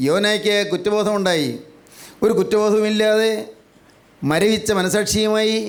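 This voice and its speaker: An older man from Kerala preaching a sermon, slow and deliberate, repeating phrases emphatically and asking rhetorical questions. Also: high voice.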